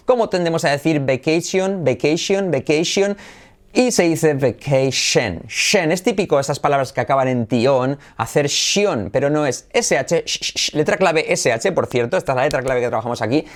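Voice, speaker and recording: A man from Spain with a Spanish accent, an English teacher leading a lively video lesson and drilling phrases over and over. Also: fairly high pitch, fast, hardly any pauses.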